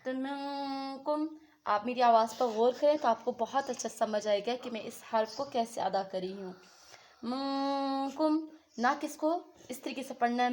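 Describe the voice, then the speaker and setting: A woman explains Quran recitation rules with patient repetition, putting a question to the class and answering it herself. Her voice sits a little high, and the room gives it a noticeable echo. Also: darkish tone. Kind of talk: online tajweed lesson.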